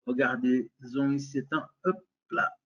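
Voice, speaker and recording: A man's voice: mid-range voice, fairly even intonation, unhurried, husky, highs cut off. Brazilian-accented man, hesitant webinar demo. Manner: hesitant, many fillers and restarts; checks in with listeners often. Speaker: webinar presenter. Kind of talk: software demonstration webinar.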